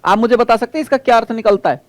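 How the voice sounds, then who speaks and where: With an extremely high pitch, a male teacher lectures for exam prep, repeating his points, asking the class questions, and drawing key terms out slowly. No room sound comes through.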